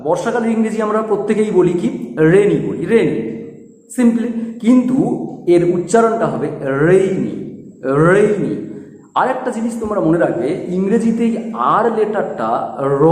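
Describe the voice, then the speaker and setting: A man giving a pronunciation lesson as an English teacher, drilling words slowly and asking students to repeat after him. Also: sits high, darkish tone, roomy sound, long reverb tail.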